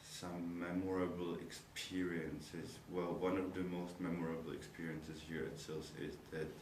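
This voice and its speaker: A man's voice: low-pitched, little pitch movement, moderate pace, a little mellow. A young man from the Czech Republic, Czech by first language, a university student answering interview questions in thoughtful, searching English. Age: young adult. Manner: thoughtful, searching for words, nonnative phrasing. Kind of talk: interview answers about his studies. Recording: echoey room, noisy background, mic far off.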